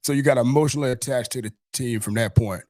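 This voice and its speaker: A man's voice: medium pitch, fast, a little mellow, no echo, clean studio sound. A man from Mississippi with a Southern US accent, hosting a casual sports interview in a wordy way that circles back over phrases. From Mississippi, United States. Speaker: podcast host.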